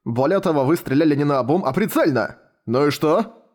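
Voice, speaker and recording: A man voicing a calm, unflappable father in an audiobook. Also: fairly high pitch, brisk, lightly acted. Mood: deadpan. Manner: deadpan.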